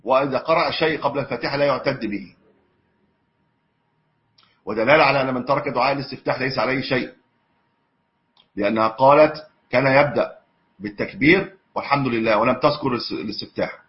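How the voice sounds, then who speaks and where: A man's voice: mid-range voice, quick pace, long pauses. A man teaching a religious lesson on hadith, mixing classical with colloquial asides and correcting himself as he goes. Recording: dull lo-fi lesson recording.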